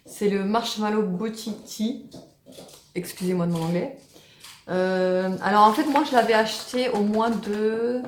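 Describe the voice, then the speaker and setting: Chatty french-speaking woman doing a home vlog, lots of euh and restarts, echoey room, bit of hiss. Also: mid-range voice. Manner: chatty, many fillers and restarts, fond baby talk to pets and baby. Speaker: family vlogger. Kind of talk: casual home vlog, talking to camera.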